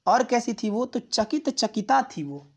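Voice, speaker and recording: A woman's voice: fairly high pitch, lively intonation, measured pace. Patient woman teacher explaining Sanskrit. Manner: repetitive, patient explaining with frequent comprehension checks. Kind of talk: explaining a Sanskrit text line by line.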